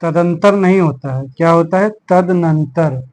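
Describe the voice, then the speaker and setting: A man's voice: on the high side, darkish tone, poor audio. A man teaching a Hindi grammar class for exam preparation, explaining spellings word by word and often checking in with his students. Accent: Hindi, Uttar Pradesh. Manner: slow, explaining words one by one with repeated "theek hai". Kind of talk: exam-prep lesson.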